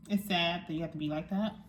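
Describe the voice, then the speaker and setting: This young woman speaks at a moderate pace in a lowish voice, chatting casually to camera as a vlogger while she eats. She comes across as frank and musing, with slight background noise in the recording.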